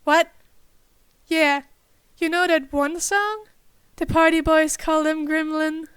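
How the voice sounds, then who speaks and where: Brief: goofy prankster teen boy, read by a woman, teasing, unhurried. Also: high voice, fairly even intonation, fairly bright tone, no room sound. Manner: cheeky, teasing.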